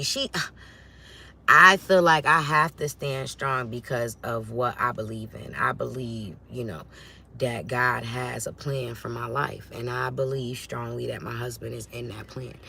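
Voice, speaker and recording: A woman, hosting a casual livestream from home, talking straight to her viewers in a lively, preachy way. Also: low-pitched. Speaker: channel host on a livestream.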